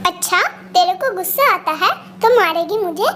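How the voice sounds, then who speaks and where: A woman's voice: very high voice, expressive, normal speed, noisy background. A woman voicing a cruel female crow who harshly scolds and insults her daughter-in-law in a cartoon story. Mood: scolding.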